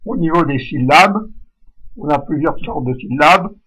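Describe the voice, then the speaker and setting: A man giving a recorded spelling lesson, slowly modelling vowel sounds aloud. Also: fairly high pitch, bright, forceful tone, breathy edge, rough recording. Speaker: French spelling teacher.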